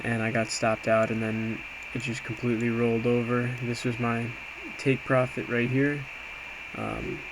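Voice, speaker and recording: Speaking in a mid-range voice at a measured pace, an amateur day trader looks back on his trades. He's informal and hesitant, reflecting on himself as he talks casually through a screen. Clear audio, with a steady noise in the background.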